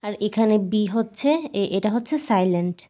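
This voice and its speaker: A woman teaching Korean numbers to learners, explaining patiently and repeating each word slowly several times. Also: medium pitch, fairly even intonation, warm tone. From Bangladesh. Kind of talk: explaining and drilling pronunciation.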